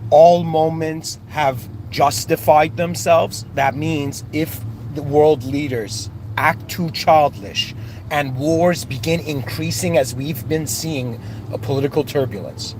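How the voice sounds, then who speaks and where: Man, spiritual monologue, impassioned, searching, restarts, slightly high voice, faint traffic outdoors. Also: slow pace, a little mellow. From Iran, raised in Canada. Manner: impassioned, searching, with many restarts and rising outbursts. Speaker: spiritual speaker.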